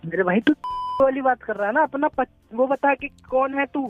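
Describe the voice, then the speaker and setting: A man's voice: very high voice, expressive, normal speed, faint music behind. A man on a phone call, irritated and insistently demanding to know who is calling. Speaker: prank call target. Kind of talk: phone argument.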